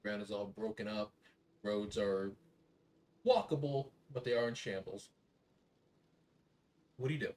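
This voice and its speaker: A man improvising tabletop game narration as game master, in a halting, descriptive way. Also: on the low side, darkish tone. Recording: voice distant from mic.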